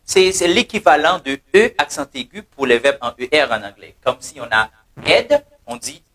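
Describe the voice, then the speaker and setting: A man teaching English pronunciation in French, repeating words slowly and drilling the class. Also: fairly high pitch, big pitch swings, a bit bright. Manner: switches between French and English. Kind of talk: pronunciation lesson.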